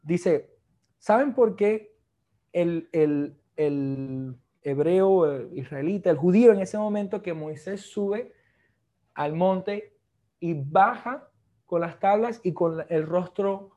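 A man preaching a sermon, lively and joking with the congregation, mixing Spanish with English phrases. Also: sits high, slow.

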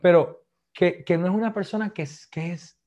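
A man in his thirties preaches to his congregation in a church hall, mixing Spanish and English and joking with the people in front of him. His voice sits a little high for a man. The recording is dull and lo-fi. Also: normal speed, darkish tone. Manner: switches between Spanish and English, jokes with the congregation. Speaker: pastor. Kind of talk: bilingual sermon.

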